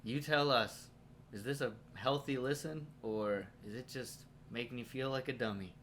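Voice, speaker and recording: A man's voice: mid-range voice, moderate pace, a bit bright. A man co-hosts a casual comedy podcast. He riffs in a goofy, playful way. A faint noise sits behind his voice. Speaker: podcast co-host.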